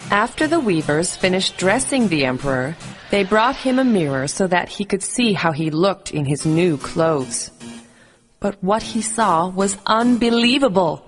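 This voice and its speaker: A woman reading a scripted bedtime story for children in a clear, expressive storybook delivery. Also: on the low side, a little slow, soft background music.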